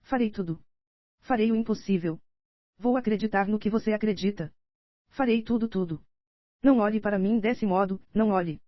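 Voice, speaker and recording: A woman's voice: medium pitch, moderate pace, pauses often, no echo, lightly acted. Scheming nobleman, read by a Brazilian woman. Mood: pleading, insistent. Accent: Brazilian Portuguese. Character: scheming older nobleman, pleading and menacing. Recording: dry, slightly dull audiobook recording.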